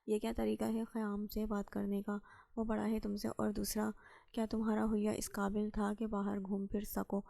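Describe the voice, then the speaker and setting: A woman's voice: mid-range voice, monotone, gravelly, mellow, natural voice. A woman reading aloud and voicing a stern man in his thirties who speaks curtly and sarcastically. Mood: angry. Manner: curt and sarcastic.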